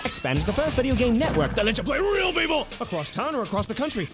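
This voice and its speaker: A male announcer reads an old video game commercial in a bouncy pitchman voice, sitting high and swooping wildly up and down. Music plays under the ad. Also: huge pitch swings, quick pace. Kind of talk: 1990s TV ad read.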